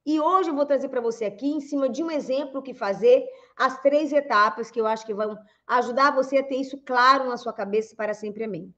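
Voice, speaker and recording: Brisk, barely pausing, and a bit bright, a woman with a high voice and Brazilian Portuguese accent lectures an audience on communication, posing rhetorical questions, addressing them as "gente," and performing quoted lines. The sound is lo-fi.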